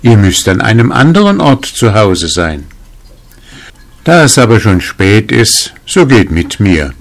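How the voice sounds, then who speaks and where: A crafty, bold village tailor from a storybook folk tale, put on by a male reader. He speaks slyly with sudden indignant exclamations, voice raised higher and louder than the reader's own. He sounds quick and scheming. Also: very animated, creaky, exaggerated voice. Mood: friendly.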